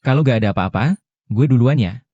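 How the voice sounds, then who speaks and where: An actor dubbing a cocky, vain young rich boss in a drama series, talking in a smug, teasing way. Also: male voice, medium pitch, lively intonation, brisk, mellow, no room sound, muffled recording, natural voice. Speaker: dub actor. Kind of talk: Indonesian dub of a drama series.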